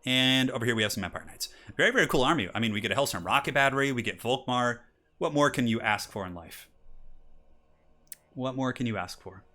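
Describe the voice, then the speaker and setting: A bright, chatty streamer in his thirties hosts a live game stream, reading donations, chatting with viewers, and laughing often in a mid-range, expressive, fairly quick voice. He then casts a strategy game match, his intros rising into hyped tournament announcing.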